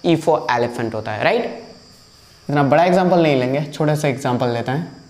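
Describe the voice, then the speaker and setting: A man's voice: medium pitch, moderate pace, darkish tone, reverberant. A man teaching an English grammar lesson, repeating words over and over for students to copy and scolding those who don't follow along. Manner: drills pronunciation by repeating words, mixes English into talk. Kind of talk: classroom lecture on video.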